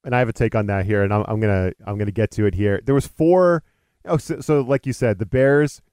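A man hosting a sports podcast, venting with an animated, exasperated edge. His voice is dark and mellow, and it sits dry and close with no room around it. He talks in quick, loose bursts. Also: lowish voice, clear, resonant tone, no room sound. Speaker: podcast host. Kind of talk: casual sports talk.

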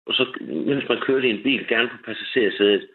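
A male caller on a radio show who rambles through stories and laughs at his own wild ideas. His voice sits in a middling pitch. It comes through a thin, tinny phone line. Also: breathy edge. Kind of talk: casual radio chat.

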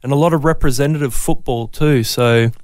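A man's voice: medium pitch, brisk, a little mellow, dry recording. A man from Brisbane with a Queensland Australian accent, telling his story casually and a little hesitantly as an interview guest. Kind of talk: casual personal testimony in interview.

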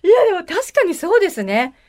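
A woman's voice: very high voice, very animated, brisk, darkish tone. A woman co-hosting a radio talk show, attentive and answering with frequent short replies, and reading out the mailing address. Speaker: radio co-host. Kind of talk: radio talk, backchannel and announcements.

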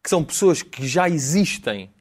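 A man's voice: a little high, big pitch swings, moderate pace. A man in his twenties with a European Portuguese accent, a panel guest musing thoughtfully in a casual chat. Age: 20s.

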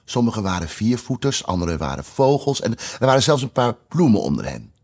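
A man reading a storybook aloud with expressive narration. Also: lowish voice, a little fast, vocal fry. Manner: lively, expressive.

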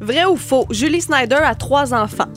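A high-voiced woman with a Québécois accent hosts a morning radio quiz, reading the questions in a lively, brisk way. Soft music runs faintly behind her. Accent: Québécois French. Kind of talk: casual radio banter and quiz hosting.

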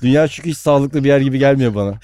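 A man co-hosting a podcast, telling playful bits in an animated, casual way. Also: mid-range voice, rapid-fire, dry recording, clean studio sound, faint music behind. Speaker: podcast co-host. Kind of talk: casual comedic chat.

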